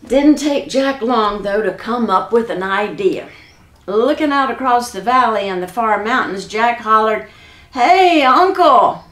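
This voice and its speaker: A woman storyteller reading a folk tale aloud in an unhurried, folksy way. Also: a little high, a bit bright, reverberant. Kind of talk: storybook narration.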